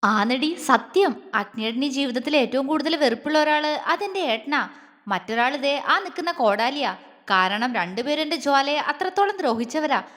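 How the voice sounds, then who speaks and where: A woman voicing a fierce, blunt young female friend who speaks angrily and sharply. Her voice is high. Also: animated, normal speed, in a large hall. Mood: indignant. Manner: angry, sharp-tongued.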